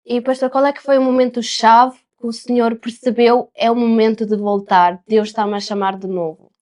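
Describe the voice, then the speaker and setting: A woman hosting a podcast, putting measured, respectful questions to her pastor guest. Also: on the high side, level tone, darkish tone. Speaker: podcast host. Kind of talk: interview questions.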